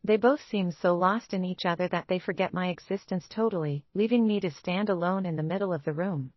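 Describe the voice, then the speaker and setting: A woman's voice: fairly low pitch, brisk, no room sound. A woman narrating a first-person audiobook story in an earnest, emotional way. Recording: dull, dry lo-fi studio voice-over.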